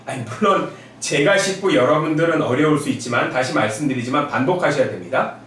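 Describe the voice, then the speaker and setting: A middle-aged male professor giving a recorded lecture. He is relaxed and chatty, adds asides, and demonstrates sounds by sliding his voice up and down. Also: brisk, slight background noise. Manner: demonstrates sounds with sung pitch glides. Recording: echoey room from a distance.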